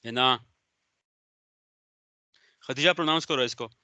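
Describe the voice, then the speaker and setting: A man's voice: mid-range voice, a little slow, bright, forceful tone, dry recording. A male business law lecturer, giving an online class, stern and sarcastic as he calls on students by name. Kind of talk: online lecture, scolding and explaining.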